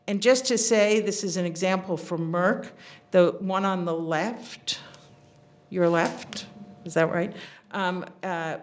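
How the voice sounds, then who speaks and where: A middle-aged woman giving an academic seminar lecture, earnest, often pausing on fillers and restarting her sentences. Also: fairly low pitch. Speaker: invited seminar speaker.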